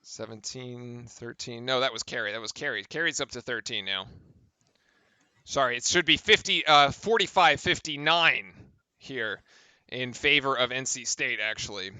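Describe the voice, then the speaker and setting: Man, fan play-by-play streamer, bright clear voice, excitable, dry close mic. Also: mid-range voice, moderate pace, no echo. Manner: excitable, shouts on big plays, chatty with chat. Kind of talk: live fan commentary.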